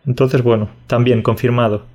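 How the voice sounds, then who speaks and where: Young man teaching phrases slowly. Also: mid-range voice, flat delivery, a little mellow, muffled recording. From Catalonia. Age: 20s. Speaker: podcast co-host. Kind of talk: casual podcast chat.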